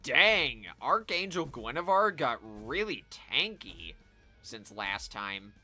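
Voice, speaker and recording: A man giving live commentary while playing a video game, chatty and self-amused, reacting out loud as he plays. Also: mid-range voice, sing-song, slow pace, faint music behind. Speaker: game streamer.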